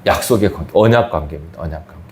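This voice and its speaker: A man's voice: deep voice, very fast, slight background noise. A man preaching a sermon as pastor, his emphasis rising and falling sharply. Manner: emphatic preaching with sudden rises and drops. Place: church sanctuary. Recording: echoey church hall.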